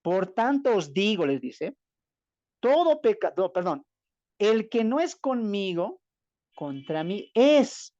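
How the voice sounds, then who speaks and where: A man's voice: sits high, darkish tone, dry recording. Emphatic man preaching over a dull call. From Bolivia. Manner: emphatic, asks the listeners rhetorical questions and answers them. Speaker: Bible teacher. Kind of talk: preaching-style Bible lecture. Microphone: video call. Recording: dull, dry, lo-fi video-call audio.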